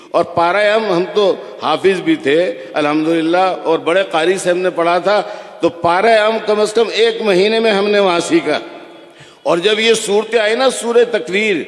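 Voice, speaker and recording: A man preaching a sermon in a mosque, telling stories and slowly chanting recitation examples. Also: sits high. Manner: storytelling, slows to chant Quran recitation examples. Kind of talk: religious sermon. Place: large echoing mosque hall. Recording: echoey hall reverb.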